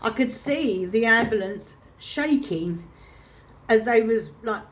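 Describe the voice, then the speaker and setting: Speaking to camera, a vlogger with a slightly high, animated voice shares a painful personal story. She stops and restarts her phrases as she struggles to contain her emotion.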